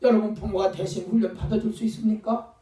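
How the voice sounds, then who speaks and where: A male pastor with a very high voice delivers a fervent sermon, at times acting out pleading voices. He is recorded from a distance in a church, so the sound is echoey and roomy. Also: fairly even intonation, quick pace, warm tone. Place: church sanctuary.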